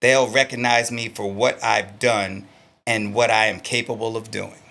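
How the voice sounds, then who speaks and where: Gravelly middle-aged guy in an interview, low voice, blunt and emotional, cusses a lot. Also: fairly even intonation, a little slow, bright, forceful tone. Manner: blunt, earnest, swears freely; emotional, close to tears. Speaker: interview guest, stunt performer. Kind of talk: reading old journal, then reflective interview talk.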